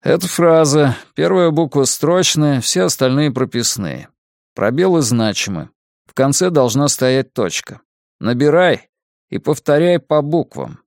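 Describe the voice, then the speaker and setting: A man's voice: on the high side, expressive, unhurried, darkish tone, dry recording, clean studio sound. A man voicing a stern, self-controlled male hacker who speaks in an icy, clipped way. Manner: icy and clipped, flares into scolding.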